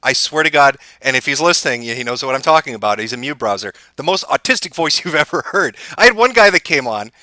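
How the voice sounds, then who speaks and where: A man's voice: medium pitch, lively intonation, fast talker, hardly any pauses, bright, forceful tone, dry recording. A man hosting a podcast, arguing bluntly in a profane, mocking casual debate over a call. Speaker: podcast host.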